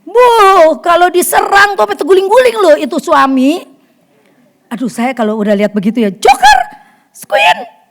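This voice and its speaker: A woman preaching a sermon to a fellowship group in a church hall, animated, acting out quotes and swinging from loud to hushed. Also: very high-pitched, normal speed. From Indonesia. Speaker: women's fellowship leader.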